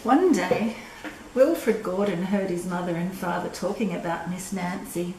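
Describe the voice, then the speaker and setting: An older woman reading a children's storybook aloud in a measured, expressive way. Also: lowish voice. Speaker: storyteller reading a picture book. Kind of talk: scripted storybook narration for children. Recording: roomy echo with clear background noise.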